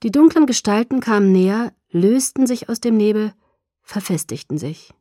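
A woman reading a first-person audiobook in a measured, low-key storytelling manner. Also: animated, dark tone, no room sound, studio quality. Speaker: audiobook narrator.

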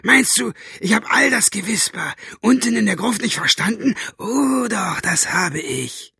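A brutal henchman sneers and taunts in a high, gloating voice, put on by a man reading an audiobook. The tone is gravelly and husky, recorded dry and close. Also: lively intonation, a little slow, sharp tone, no room sound, full character voice. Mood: gloating menace.

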